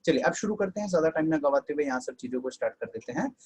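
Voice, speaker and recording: A man's voice: a little high, animated, racing, a little mellow, slightly rough, rough recording. A man with an Indian accent teaching an online English class, chatty and scolding students fondly.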